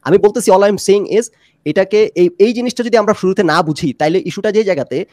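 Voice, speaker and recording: A man argues his case at a rapid clip with a slightly raised pitch. The sound is dry and close, with no room echo around him. He drops English phrases into his Bangla as he presses his points in a lively debate. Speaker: discussion panelist. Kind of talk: fast-paced debate.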